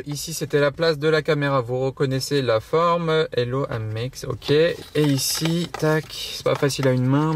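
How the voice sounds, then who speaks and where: A man's voice: mid-range voice, a little hiss or hum. A man hosting a casual car-spotting vlog, chatting upbeat and directly to viewers from inside a car while demonstrating a gadget. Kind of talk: casual vlog with product demo.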